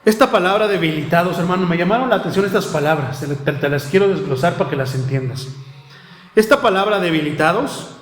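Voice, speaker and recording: A man's voice: high-pitched, brisk, echoey room. A man, preaching a sermon to a congregation, asking rhetorical questions and calling listeners brother. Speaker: pastor. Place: church.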